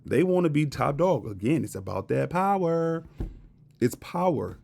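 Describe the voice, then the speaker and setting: A man's voice: on the high side, very animated, unhurried, gravelly, a little mellow, slight background noise. A man giving a casual, blunt and profane rant to camera, repeating his points with emphasis. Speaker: vlogger.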